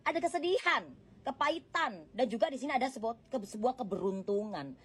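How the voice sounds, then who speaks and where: A woman's voice: on the high side, expressive, brisk, breathy edge. Chatty woman reading tarot cards. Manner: gentle, chatty, addresses the viewer directly, laughs often. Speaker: tarot card reader. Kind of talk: casual tarot reading monologue.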